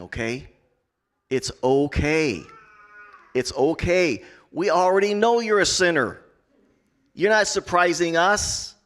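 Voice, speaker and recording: A man's voice: on the high side, fairly bright tone. A man, the pastor, speaking earnestly and repeating his points as he presses them home on a church panel. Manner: earnest, repetitive, rising to emphatic. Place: church conference stage.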